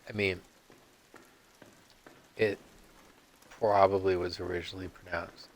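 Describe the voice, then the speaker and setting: A man streaming a game, rambling off on tangents and often clearing his throat. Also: low voice, little pitch movement, measured pace, a little hiss or hum. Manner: meandering, digressive, frequent throat clearing. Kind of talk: rambling live-stream commentary.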